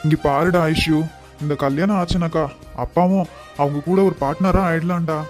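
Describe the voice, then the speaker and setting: A man voicing a worried, affectionate father in a cartoon, talking to his daughter in a soft, pleading way. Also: on the high side, fairly even intonation, normal speed, faint music behind, lightly acted. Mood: tender.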